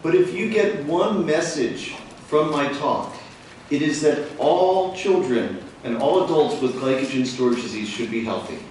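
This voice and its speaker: Very slow, deliberate male lecturer. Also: fairly high pitch, expressive, darkish tone. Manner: measured, deliberate, pausing between phrases. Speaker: visiting physician lecturer. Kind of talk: formal lecture in short phrases for interpretation. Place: large echoing room at a talk. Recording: very echoey room, distant mic, faint noise.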